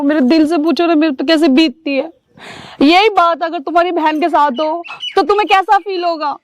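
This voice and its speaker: A woman's voice: very high-pitched, no room sound, clean studio sound. A woman acting a distressed young wife in a staged family drama, pleading and accusing. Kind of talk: scripted social drama acting.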